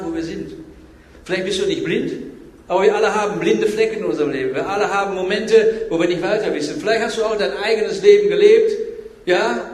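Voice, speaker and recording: A man's voice: high-pitched, a little mellow. A man preaching a sermon in a church, with emphatic repetition, speaking straight to his listeners. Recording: echoey hall reverb.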